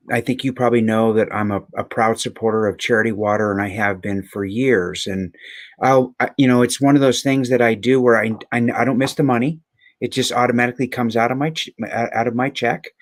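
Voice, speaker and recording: A man with a brisk, mid-range voice co-hosts a podcast, chatting casually and reflectively. He comes across as earnest and tends to repeat words for emphasis.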